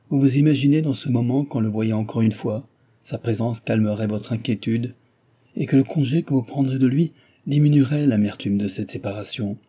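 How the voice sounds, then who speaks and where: A man's voice: mid-range voice, dark tone, slightly rough, natural voice. A man reading aloud and voicing a stern, dignified older noblewoman who argues earnestly and persuasively.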